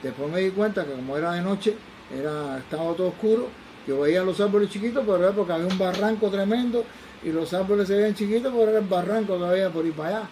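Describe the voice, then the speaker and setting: A man's voice: high voice, fast, a little mellow, slight background noise, low-quality recording. An older man with a Cuban accent, a forensic toxicologist telling his own stories with animation and acting out the people he quotes. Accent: Cuban Spanish. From Cuba. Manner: acts out the voices of people he quotes. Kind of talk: animated personal storytelling.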